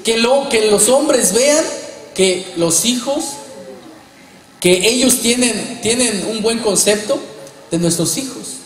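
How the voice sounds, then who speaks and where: A man's voice: very high voice, animated, slow. A man preaching a sermon, asking his congregation rhetorical questions and calling them brothers. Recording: echoey hall, faint background noise.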